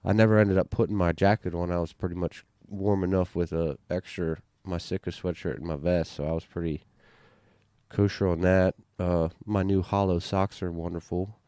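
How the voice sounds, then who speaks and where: A man's voice: sits low, flat delivery, moderate pace, warm tone, no room sound, clean studio sound. A man in casual podcast chat, telling a story in a rambling way with lots of fillers and restarts. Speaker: bowhunter on a hunting podcast.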